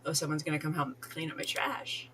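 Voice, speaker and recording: A woman's voice: deep voice, fairly even intonation, fairly quick, a bit bright, slight background noise. A woman streaming a life-sim game, chatting casually, giggling and talking to the characters on screen. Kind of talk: casual gameplay commentary.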